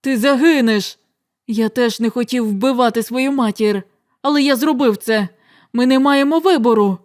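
Stern werewolf father in a horror audiobook, loud, urgent, commanding as a woman reader plays him. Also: a little high, unhurried, no room sound, studio quality, lightly acted. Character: stern father, a werewolf, middle-aged man.

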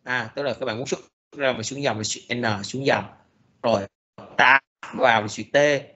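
A male lecturer explains code slowly, filling pauses with hesitant sounds and restarting his sentences. His voice is bright and forceful, and the recording is dull and lo-fi. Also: medium pitch, steady tone. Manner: halting, many fillers and restarts. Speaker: programming lecturer.

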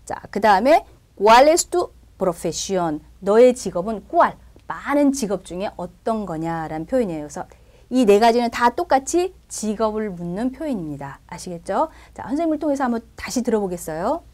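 A woman's voice: medium pitch, sing-song, moderate pace, darkish tone. A woman teaching Spanish in a recorded lesson, explaining step by step and often checking in with her listeners.

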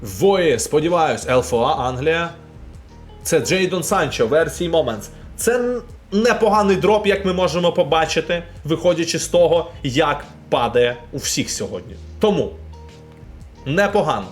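A man's voice: fairly high pitch, normal speed, faint music behind. A young man from Ukraine casually commenting live while opening game packs and talking to his chat. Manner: chatty, animated, talks to chat.

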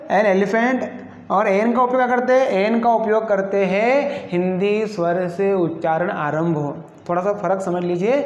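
A man teaching an English lesson who keeps asking the class questions and then answering them himself. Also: sits high. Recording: echoey, muffled room recording.

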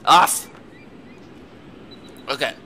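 A young man giving let's play commentary, excitable and talking to the game's characters as he plays. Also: very slow, slight background noise. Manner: excitable, talks to the game characters, laughs a lot. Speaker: gamer.

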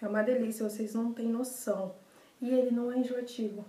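Talking quickly to camera, a young adult Brazilian-accented vlogger shows desserts and repeats words for emphasis in a casual chat. Her voice is a little high and dark-toned, with fairly even intonation. The small, bare indoor room gives the recording an echo.

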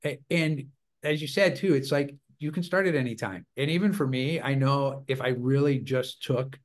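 A man hosting a podcast interview, talking in a casual, halting way with lots of fillers. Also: medium pitch. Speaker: podcast host.

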